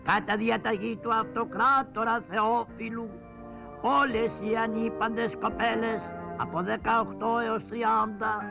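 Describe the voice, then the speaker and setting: A man's voice: extremely high pitch, little pitch movement, vocal fry, over music. A man doing a sing-song fussy town crier. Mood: proclaiming. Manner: drawn-out sing-song crying out. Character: fussy, fearful male town crier puppet. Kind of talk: shadow-puppet theatre acting.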